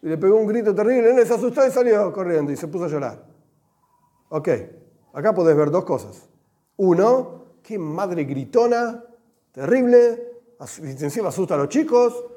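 A man with an Argentine Spanish accent gives a religious class, animated and joking, with Hebrew terms mixed in. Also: high-pitched, fairly quick. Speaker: religious teacher. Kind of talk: lively class with everyday examples.

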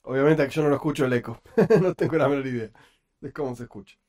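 This online Torah teacher has a Rioplatense Spanish accent and a darkish, medium-pitched voice. He talks fast into his computer microphone, sprinkling the lesson with joking asides.

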